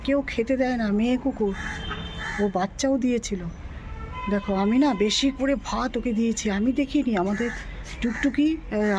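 A woman vlogger with a Bengali accent, talking quietly and gently to her viewers while coaxing a stray dog to eat. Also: fairly high pitch, background noise. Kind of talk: casual vlog.

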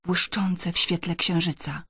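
Husky woman reading a storybook. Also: lowish voice, unhurried, no echo, studio quality. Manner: expressive, dramatic reading. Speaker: audiobook narrator. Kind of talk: scripted storybook narration.

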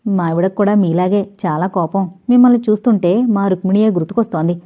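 Teasing young married man, read by a woman, chatty, mock-innocent, mellow tone, dull lo-fi audio, audio novel. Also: mid-range voice, fairly quick, lightly acted.

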